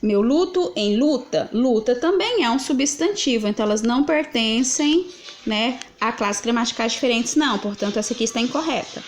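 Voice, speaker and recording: A woman walks through grammar exercises, patient and methodical, asking questions and answering them herself. Her voice sits a little high for a woman. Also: animated, normal speed. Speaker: Portuguese teacher.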